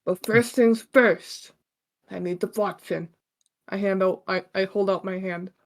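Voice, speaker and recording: A woman voicing a stern, wise fortune cookie maker in a live-streamed script read-through, talking in a slow, measured, teasing way with slightly slurred words. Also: medium pitch, steady tone, natural voice.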